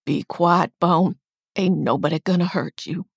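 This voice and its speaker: A woman's voice: on the low side, measured pace, gravelly, breathy edge, no echo, exaggerated voice. A woman reading the part of a tough, protective middle-aged aunt with a blunt, drawling manner. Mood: urgent.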